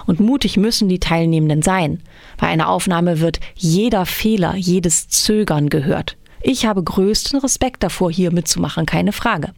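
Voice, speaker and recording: A woman's voice: lowish voice, no room sound, clean studio sound. A woman presenting a community radio hour, reading a scripted introduction and addressing listeners directly.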